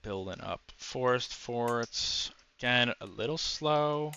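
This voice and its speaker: A man's voice: mid-range voice, slow, creaky, bright, forceful tone, smooth, highs cut off. A man giving casual commentary while playing a strategy game, musing aloud with frequent fillers. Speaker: gameplay commentator.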